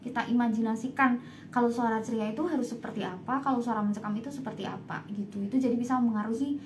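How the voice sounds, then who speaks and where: A woman's voice: on the high side, fairly even intonation, quick pace, background noise. A young woman co-hosting a casual live chat, steering the topics and humming agreement. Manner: lots of agreeing hums, leads the topics. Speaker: co-host. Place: home, on a phone live stream.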